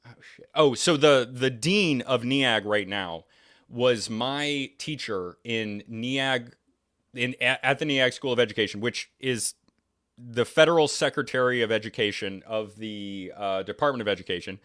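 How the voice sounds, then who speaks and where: Bright-voiced rambling young man from New England. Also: medium pitch, measured pace. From New England, United States. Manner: rambling, many restarts and fillers, opinionated. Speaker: podcast guest. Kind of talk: casual conversational discussion.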